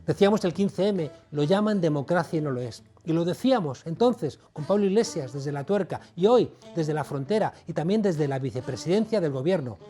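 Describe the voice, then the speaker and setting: A man hosting an opinion monologue, measured and emphatic with a wry storytelling edge. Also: a little high, animated, dark tone. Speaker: show host and university professor.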